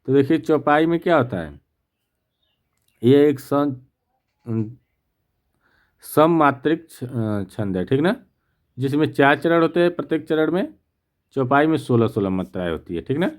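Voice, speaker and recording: A man's voice: mid-range voice, expressive. A man teaching an exam practice lesson, reading each question and its options aloud, then explaining the answer and checking with the class. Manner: slow, methodical, reads options aloud; repeats "theek na" to check.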